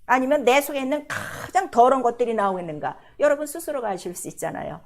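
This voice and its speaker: A woman pastor preaching a sermon, firing questions at the congregation and swinging between loud, emphatic declarations and hushed, prayerful passages. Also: fairly high pitch, expressive, quick pace. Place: church service.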